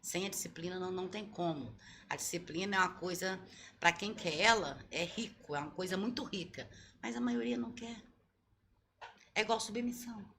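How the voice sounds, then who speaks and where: A woman's voice: fairly low pitch, animated, a little fast, a bit bright, slight background noise. A woman pastor giving earnest, teaching answers in an interview, often repeating her key points. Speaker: pastor, guest. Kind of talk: sermon-like answers in a podcast interview.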